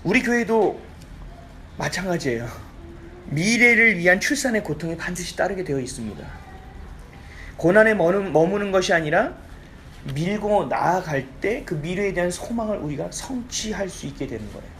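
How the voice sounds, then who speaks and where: A man's voice: high-pitched, moderate pace, a little hiss or hum. A man preaching a conversational sermon in a church, often checking for the congregation's agreement. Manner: lively, keeps asking the congregation for agreement. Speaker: pastor. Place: church sanctuary.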